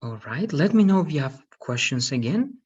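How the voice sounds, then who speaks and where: A man's voice: fairly high pitch, big pitch swings, a little mellow, husky. A man, teaching an English grammar class online, patient and repeating "right?" after each point. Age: 30s. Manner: slow, patient, tags sentences with "right?". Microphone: video call webcam. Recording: dull lo-fi video call audio.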